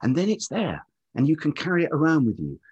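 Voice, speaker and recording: Heard in lo-fi sound, a middle-aged man from England speaks with a velvety voice on the high side, huge pitch swings, a little fast, a little mellow, with a breathy edge. A writer and musician guesting on a podcast, he hesitates thoughtfully, repeating words while searching.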